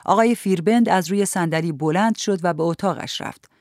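A narrator reading a literary story aloud in a measured, even storytelling manner. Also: mid-range voice, dry recording, clean studio sound. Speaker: audiobook narrator.

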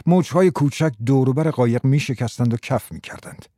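A man narrating a story in a measured, even way. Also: mid-range voice, no room sound, studio quality. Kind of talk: scripted narration.

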